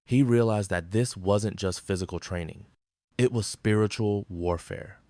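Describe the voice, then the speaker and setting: A man's voice: on the low side, a little slow, mellow, dry recording, studio quality. A man giving dramatic scripted narration in intense, punchy short phrases.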